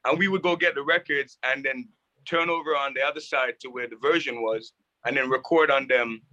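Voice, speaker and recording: A man's voice: mid-range voice, fairly quick, highs cut off. A man from Jamaica, a music producer, telling stories with animation in casual conversation from a rehearsal building. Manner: animated storytelling.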